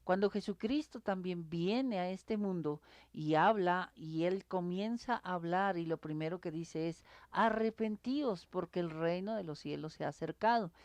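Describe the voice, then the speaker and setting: A woman with a Mexican accent preaching a sermon, often pausing on filler sounds and growing animated as she tells an example. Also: on the low side, dry recording. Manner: halting delivery with many filler sounds; animated storytelling when illustrating a point.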